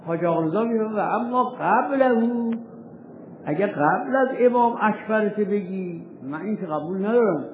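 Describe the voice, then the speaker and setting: A man teaching religious law in a seminary lecture, firing rhetorical questions at his students and reading old texts slowly. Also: high-pitched, slight background noise. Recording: tinny echoey hall recording.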